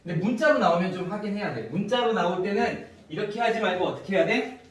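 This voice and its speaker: A man's voice: high voice, expressive, fast. A man teaching a math class, explaining step by step and often asking his students if they follow. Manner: asks students frequent check-in questions. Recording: echoey room, distant mic.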